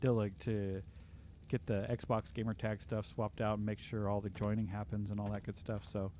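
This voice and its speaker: A man's voice: lowish voice, flat delivery, moderate pace, warm tone, slight background noise. A man hosting a casual game livestream from home, chatting in an upbeat way and reading viewer comments aloud. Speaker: livestream host. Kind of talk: casual live-stream chat.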